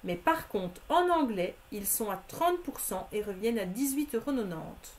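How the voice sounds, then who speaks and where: A woman's voice: mid-range voice, lively intonation, moderate pace. A woman presenting craft products in a live stream, methodically listing discounts and prices and speaking familiarly to her viewers.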